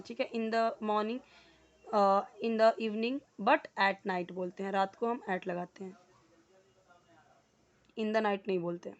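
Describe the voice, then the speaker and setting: A woman with an Indian accent teaching a spoken English lesson, explaining slowly and repeating words and their meanings. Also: mid-range voice, muffled recording.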